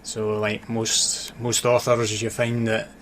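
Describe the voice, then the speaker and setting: This Scottish man from Dundee speaks slowly in a low, even voice, his accent a blend of Dundee, Glasgow and Edinburgh. He's an author and sports journalist appearing as a guest in a relaxed radio interview, with clear background noise in the recording.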